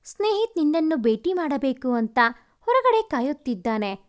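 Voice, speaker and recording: A woman's voice: high voice, big pitch swings, moderate pace. Woman doing a plaintive younger sister. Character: tearful younger sister, young girl, loyal to her brother.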